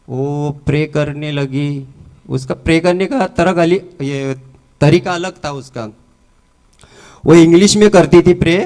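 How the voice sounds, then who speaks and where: A man's voice: fairly high pitch, a little mellow. A middle-aged man gives a church testimony, telling his story casually and acting out the dialogue. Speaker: testimony speaker.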